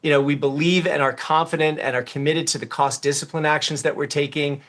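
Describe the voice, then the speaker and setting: A man's voice: fairly high pitch, fairly even intonation, fairly quick, a bit bright. A man speaking as a company chief executive in a TV interview, giving careful, scripted corporate answers.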